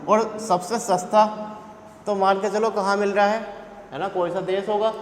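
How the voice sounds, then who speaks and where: A man's voice: sits high, level tone, normal speed. A man teaching an exam coaching lesson, repeating rhymes and quizzing his students to drill memory tricks. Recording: echoey room with faint noise.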